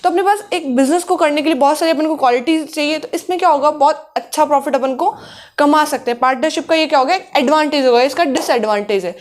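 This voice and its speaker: A woman a high voice works through a commerce lesson. She mixes in as she explains, and she keeps posing questions that she answers herself. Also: fast talker. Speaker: commerce teacher. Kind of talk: classroom lecture.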